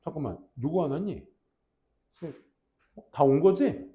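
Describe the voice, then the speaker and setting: Animated, swooping male academy teacher. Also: a little high, unhurried. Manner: animated, acts out kids' voices. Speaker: private academy English teacher. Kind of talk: casual storytelling to a class. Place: classroom.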